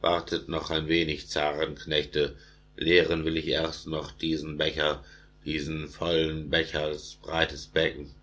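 A man's voice: rumbling low, monotone, unhurried, fairly bright tone, exaggerated voice. A man voicing a boastful, hard-drinking nobleman in a read-aloud epic poem. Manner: bragging, brash. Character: boastful drunken male Russian nobleman.

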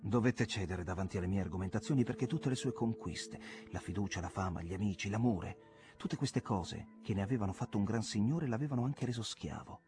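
A man with a low voice narrates a literary novel in a measured, reflective way. His reading is close to a studio microphone and paced with care. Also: over music. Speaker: audiobook narrator.

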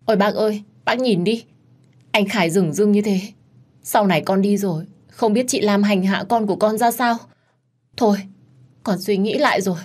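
A woman's voice: mid-range voice, normal speed, darkish tone, lightly acted. A woman voicing a tearful, whining young mistress who pleads and plays the victim in a told story. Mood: whiny pleading. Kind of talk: dramatized storytelling.

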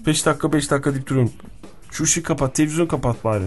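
A man's voice: on the high side, faint music behind, lightly acted. A man voicing a whiny wife complaining of a headache, in a comic radio sketch. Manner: complaining, drawn-out whine.

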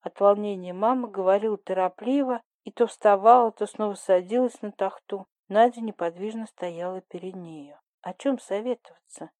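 A woman narrating an audiobook in an even, measured way. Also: medium pitch, no room sound.

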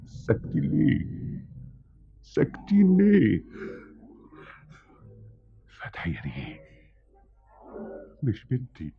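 Older Egyptian pasha father, gravelly and cracking, wild swings, slow and raving; old radio drama. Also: on the low side, huge pitch swings, heavily acted. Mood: distraught. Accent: Egyptian Arabic. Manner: broken, repeating denials, trembling. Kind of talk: 1970s radio drama acting. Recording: dull old radio recording.

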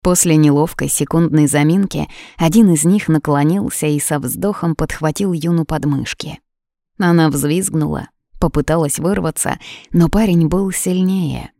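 A woman reads an audiobook in a measured, expressive manner. Her voice sits very low for a woman, and the recording is close and completely dry. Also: creaky, no room sound. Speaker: audiobook narrator. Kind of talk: dramatic audiobook narration.

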